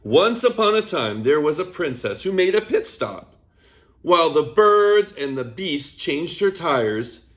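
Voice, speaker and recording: In a high voice, a man hosts a children's read-aloud, reading a picture book as an animated storyteller. Between pages, he chats with his young listeners.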